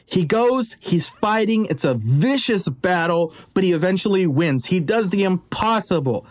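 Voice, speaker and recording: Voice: medium pitch, animated, measured pace. A podcast host tells an old legend in an easy, chatty way. The telling is loose and informal, and it breaks off now and then for joking asides to the listener. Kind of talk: casual storytelling.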